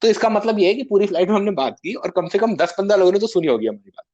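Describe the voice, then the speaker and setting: A man telling a travel anecdote in casual chat as a podcast guest. He talks a little loud and acts out the people in his story. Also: high-pitched, expressive, racing, no room sound, muffled recording.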